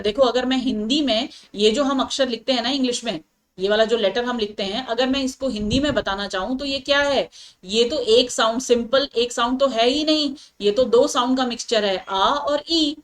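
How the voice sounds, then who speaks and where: A woman English teacher, a native Hindi speaker, explains grammar patiently, repeats her points, checks that students follow, and reads example sentences slowly. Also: sits high.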